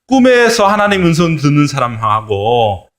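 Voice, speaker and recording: A man's voice: on the high side, sing-song, moderate pace, a bit bright. A man giving a children's sermon as a pastor, telling a Bible story and asking the children questions.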